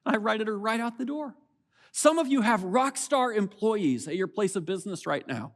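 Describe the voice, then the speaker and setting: A man preaching a sermon as pastor, conversational and animated, acting out little quotes from everyday people. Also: high-pitched, moderate pace. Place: church auditorium.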